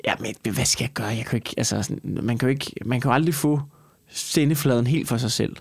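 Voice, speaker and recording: A man's voice: medium pitch, creaky, breathy edge, no echo. A Danish man hosting a casual podcast chat, swearing freely and ranting with incredulity. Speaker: podcast host; stand-up comedian.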